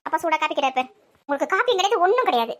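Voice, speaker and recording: In a comic family skit, a woman voices a harried mother who bosses and teases her two daughters. Her voice is high and sing-song, with a quick, bossy, teasing delivery.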